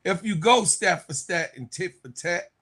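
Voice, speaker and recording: A man's voice: high voice, lively intonation, moderate pace, pushed and bright, slightly rough. A man co-hosting a podcast, arguing heatedly about basketball with emphatic, repetitive, preachy points. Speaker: podcast co-host. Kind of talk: heated sports debate.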